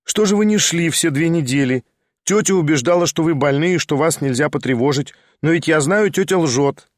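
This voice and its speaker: An impulsive, teasing young noblewoman, as a male reader puts her on spills out eager exclamations in a raised, higher voice. The sound is close and dry, with no room around it. She is a storybook figure full of spirit. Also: moderate pace, no echo, natural voice.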